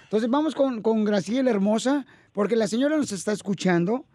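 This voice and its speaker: Guy hosting call-in radio, kinda high voice, sweet-talks callers, dry close studio sound. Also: fairly quick, mellow, dry recording. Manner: affectionate, calls callers "mi amor" and "hermosa". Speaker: radio show host taking callers.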